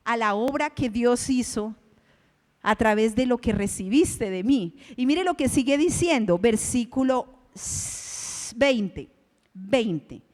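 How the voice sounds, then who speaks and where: A woman in her thirties or forties preaching a sermon in a church, reading scripture slowly and asking her listeners questions. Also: on the high side, expressive, darkish tone, long reverb tail. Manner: slow, emphatic Bible reading with rhetorical questions.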